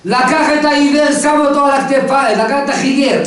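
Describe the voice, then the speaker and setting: High-voiced man teaching in an echoey room. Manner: animated storyteller who quizzes his listener. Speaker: teacher telling a parable. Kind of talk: casual teaching with a parable. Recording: very echoey room, mic far off.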